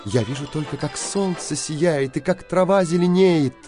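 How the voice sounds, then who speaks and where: A man voicing a calm young sister who answers in a soft, lilting voice in a storybook tale. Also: on the high side, moderate pace, husky, faint music behind, pitched above the performer's own voice.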